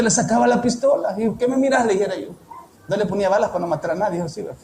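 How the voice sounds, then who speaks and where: High-voiced preacher in echoey church. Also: male voice, darkish tone, slight background noise. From El Salvador. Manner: addresses the congregation directly, with repeated rhetorical questions; slow, emphatic delivery of scripture. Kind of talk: sermon.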